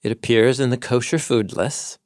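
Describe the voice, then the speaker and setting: With a mid-range, steady voice at normal speed, a podcast co-host who teaches the Bible explains old texts and word meanings, citing ancient sources with scholarly enthusiasm. The studio-quality audio has no room sound.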